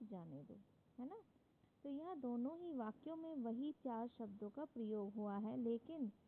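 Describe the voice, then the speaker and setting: Slow, patient Indian woman teacher on a tinny line. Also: on the high side. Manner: patient, explains step by step with frequent "है ना?" checks. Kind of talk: classroom grammar lesson. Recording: tinny phone-like audio with faint noise.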